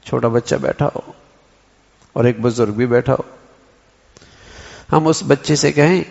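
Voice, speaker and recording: A man's voice: mid-range voice, vocal fry, darkish tone. A man giving an Islamic sermon, explaining his point by acting out one sentence in different tones. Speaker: preacher. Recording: dull recording in a long-reverb hall.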